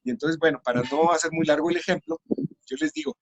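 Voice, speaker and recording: A man's voice: a little high, big pitch swings, fast, vocal fry, no echo. A middle-aged man talks through ideas like a patient teacher, in a slightly raised voice. His speech is recorded dry and close, with no room sound around it. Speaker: teacher trainer. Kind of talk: interview.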